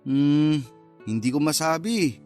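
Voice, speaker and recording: Slow and expressive, a man with a slightly high, darkish-toned voice performs a conversational radio drama role, faint music behind him. His character is a hesitant, candid young man who pursues older women, and he comes across casual and a little defensive.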